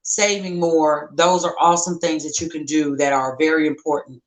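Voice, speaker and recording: A woman in her fifties, co-hosting a podcast in casual, folksy, self-deprecating chat with drawn-out phrasing. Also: sits low, steady tone. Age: 50s. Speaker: podcast co-host. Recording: roomy echo.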